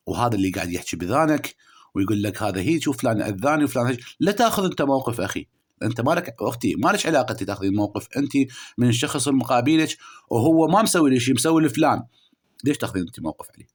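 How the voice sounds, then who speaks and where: Iraqi man giving a forceful horoscope reading. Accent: Iraqi Arabic. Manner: preachy, scolding, swings between loud emphatic bursts and low murmurs. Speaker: spiritual astrology reader. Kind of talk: direct-address horoscope reading.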